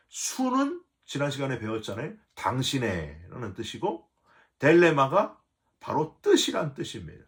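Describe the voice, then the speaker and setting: A middle-aged man preaches a dawn sermon in a church, telling the story with animated energy. His pitch sits in an ordinary middle range but swings widely as he speaks. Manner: animated storytelling, acting out quoted voices. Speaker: pastor.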